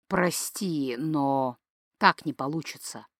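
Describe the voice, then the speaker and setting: A woman reading an audiobook voices a calm young man who quietly and firmly refuses his father. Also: slow, no echo, studio quality, heavily acted. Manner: quiet, firm, low.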